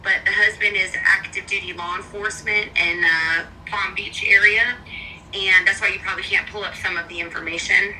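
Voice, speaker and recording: A woman's voice: medium pitch, steady tone, moderate pace, sharp tone. A woman on a phone call, a real estate agent chatting and explaining at length. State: bad cell service. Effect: heard over a phone call. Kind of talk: casual phone conversation. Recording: distant phone line, faint noise.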